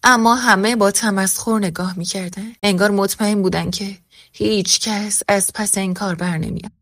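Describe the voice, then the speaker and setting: A woman reading a first-person story aloud as scripted narration, voicing every character in the same even narrating voice. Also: mid-range voice, dry recording, clean studio sound.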